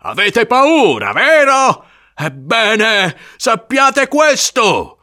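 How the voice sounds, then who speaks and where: A woman's voice: a little high, very animated, extremely slow, voice pushed up, exaggerated voice. A woman voicing a fierce, obsessed male sea captain who barks orders at his crew in a storybook reading. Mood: commanding, furious. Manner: shouted orders, raised and strained.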